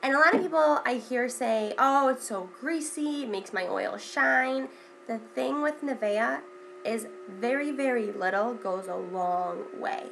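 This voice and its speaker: This young beauty vlogger has a congested, stuffy voice from a cold that is a little high, gravelly and a bit bright. She speaks at a measured pace in a casual makeup tutorial, full of ums and repetitions. There's slight background noise.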